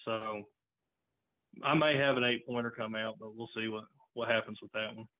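Over a narrow, tinny phone line, a man from Virginia calls in to a show and chats casually but hesitantly. His voice is fairly low and steady at a moderate pace.

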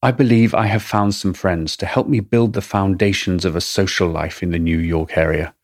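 A middle-aged man giving a measured, wry narration of his diary entries for a podcast. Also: sits low, fairly even intonation, no room sound. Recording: dry studio voice-over, soft music.

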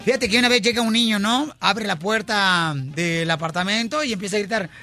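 A man hosting a comedic radio show, animated and laughing through his own jokes. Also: high-pitched, fairly quick, soft background music.

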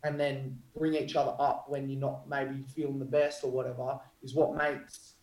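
A man's voice: medium pitch, level tone, moderate pace, darkish tone. An Australian man speaking as a podcast guest in casual, slangy, matey interview chat. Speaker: podcast guest, Muay Thai fighter. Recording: roomy, echoing sound.

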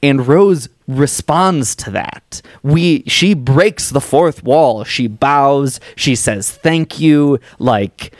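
A man's voice: medium pitch, slow pace, few pauses, no echo. Guy breaking down a musical, thoughtful, says like a lot, medium voice, dry sound. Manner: thoughtful, analytical, uses many "like" fillers. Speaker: podcast co-host discussing musical theater. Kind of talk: casual chat.

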